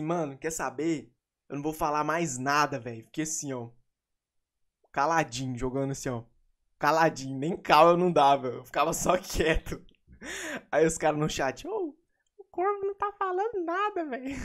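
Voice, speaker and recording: Um jovem de Goiás com sotaque goiano, contando uma partida de jogo em tom de vlog descontraído, cheio de gíria e risadas. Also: male voice, on the high side. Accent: Goiás Brazilian Portuguese. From Goiás, Brazil. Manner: slangy, laughing, animated retelling. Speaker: gaming YouTuber. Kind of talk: casual vlog storytelling.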